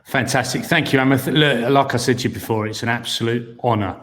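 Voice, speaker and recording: Fast-talking chef on a call. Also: male voice, medium pitch, fairly bright tone. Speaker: head chef hosting a cookalong. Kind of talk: live call chat.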